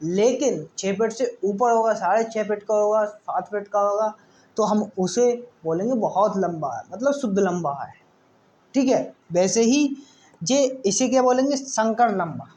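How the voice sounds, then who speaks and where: A man's voice: high voice, unhurried, darkish tone. A man teaching a science lesson, often repeating words and asking the class questions. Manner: repetitive, asks the class questions.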